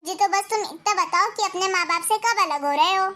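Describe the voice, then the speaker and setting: A woman's voice: very high voice, brisk, bright, forceful tone. A woman voicing a resentful young wife in a cartoon story, scolding and demanding. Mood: angry.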